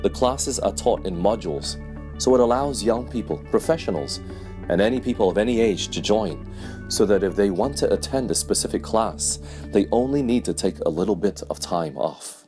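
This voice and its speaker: A man giving measured, scripted promotional narration that slows down for quotes. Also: lowish voice, animated. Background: guitar music.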